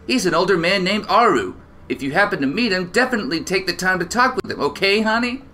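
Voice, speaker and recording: A man's voice: high voice, animated, fast talker, bright, forceful tone, a little hiss or hum. A man doing a sassy motherly barkeep woman. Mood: warm teasing. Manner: calls everyone honey, drawling.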